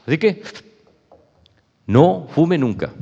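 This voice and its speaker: A man's voice: a little high, sing-song, takes it slowly, vocal fry, dark tone, slightly rough, long reverb tail, dull audio, voice pushed down, heavily acted. A preacher acting a stern lecturing father. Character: strict middle-aged father lecturing his son.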